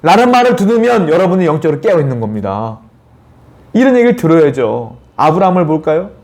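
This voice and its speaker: A middle-aged man delivering a church sermon in a slightly high-pitched voice. He keeps tossing rhetorical questions to the congregation and slips into acted dialogue to bring the scripture scenes to life. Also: very animated, fast talker, a little mellow. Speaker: pastor.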